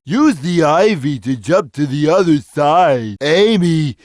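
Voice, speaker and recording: A man voicing a big, gentle, slow-witted cat in a video game, with a simple, childlike, drawn-out delivery. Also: on the high side, dry recording. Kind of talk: video game character voice lines.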